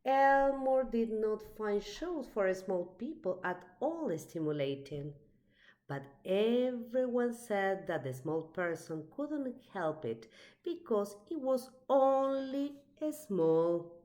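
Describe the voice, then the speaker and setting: A woman acting as a storybook reader narrates a children's picture book in her mid-range voice, with plenty of expression and a steady, purposeful pace.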